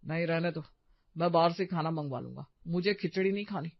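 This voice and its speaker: Cartoon husband, sarcastic and short-tempered, pitched low, woman voicing. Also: a little fast, dry recording, lo-fi sound. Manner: sarcastic, exasperated scolding.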